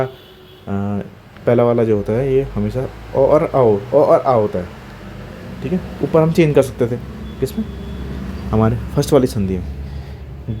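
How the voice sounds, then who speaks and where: A man's voice: medium pitch, warm tone, slight background noise. A male teacher giving an exam-prep grammar lecture, spelling out sounds one by one and asking questions that he answers himself. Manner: checks in with "okay?" after each point.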